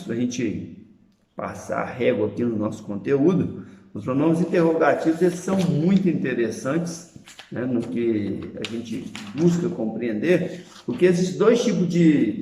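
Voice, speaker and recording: A man's voice: medium pitch, lively intonation, a little slow, mellow, a little hiss or hum. Man teaching grammar in an echoey room. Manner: explanatory, checks in with "né?" and "tá certo?". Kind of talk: recorded grammar lesson.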